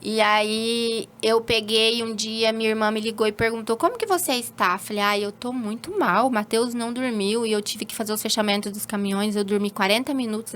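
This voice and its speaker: A woman in her thirties, a holistic therapist as an interview guest, telling a personal story and acting out what people said with sudden high exclamations. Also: fairly even intonation, brisk, few pauses, a bit bright, a little hiss or hum. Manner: acts out quoted speech with sudden high exclamations.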